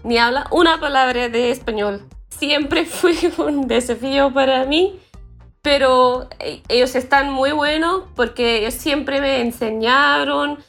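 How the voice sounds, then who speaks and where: A woman guest talks haltingly, searching for words in a language she learned as an adult. Her voice is fairly high, with music faintly behind. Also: fairly bright tone. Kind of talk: casual chat.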